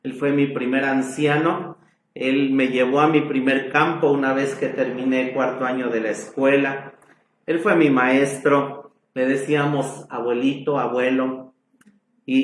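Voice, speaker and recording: A man preaching a sermon as pastor, reading scripture in long drawn-out phrases and adding frequent amens. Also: mid-range voice. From Mexico. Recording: echoey room sound.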